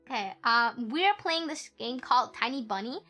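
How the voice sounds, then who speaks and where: A woman streamer chatting casually and excitedly while playing a game, often talking fast. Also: a little high, faint music behind.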